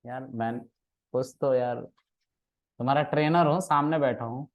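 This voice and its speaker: A man's voice: medium pitch, a little slow, dull audio. A man teaching a class as their trainer, teasing his students in playful, casual banter and mixing in English words.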